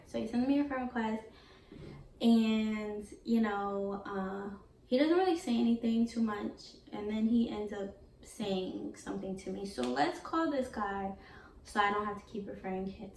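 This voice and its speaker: A woman's voice: mid-range voice, unhurried, creaky, darkish tone, recorded from a distance. A young woman tells a casual storytime to her viewers, chatty, candid and full of slang. Her voice sits back from the microphone in a room with a noticeable echo. A faint hiss runs underneath. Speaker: beauty vlogger.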